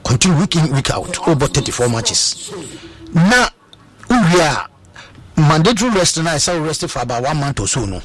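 This football pundit on a sports talk show has a Ghanaian English accent and a fairly high, slightly bright voice. He is very animated at a moderate pace, though hesitant, with many fillers and restarts, and he slips into Twi at times.

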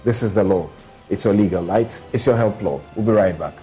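A man's voice: on the low side, brisk, mellow, faint music behind. A man hosting a radio talk show, speaking emphatically and often repeating his phrases.

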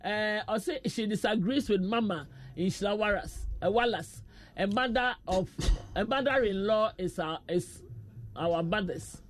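A woman's voice: medium pitch, measured pace. A woman hosting a radio talk show, reading out listener messages and laughing often with the panel.

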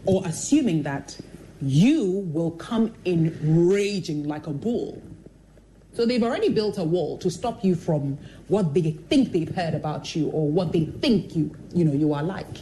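A woman television personality with a lowish voice speaks unhurriedly in a candid, motivational interview. As an expressive, animated storyteller, she acts out the voices of the people in her stories. The recording is low quality, with a little hiss or hum.

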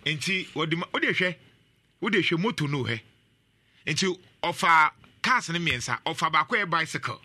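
Man, talk show host, very bright tone, slightly high voice, animated. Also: normal speed. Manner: animated, laughs often. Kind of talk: casual commentary mixing Twi and English.

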